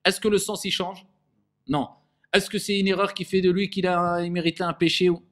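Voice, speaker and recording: A man with a fairly high voice teaches a recitation class. He sounds out syllables slowly and repeats them, then fires questions at the students. His recitation has a nasal edge. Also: flat delivery, a bit bright. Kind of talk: classroom tajwid lesson.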